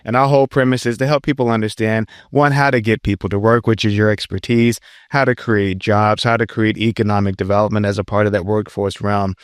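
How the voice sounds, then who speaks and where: A man from southern Virginia hosting a podcast interview, asking long, winding questions at a measured pace. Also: fairly low pitch, level tone, clear, resonant tone, no echo, studio quality. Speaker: podcast host. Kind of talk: conversational interview. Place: studio in Washington, DC.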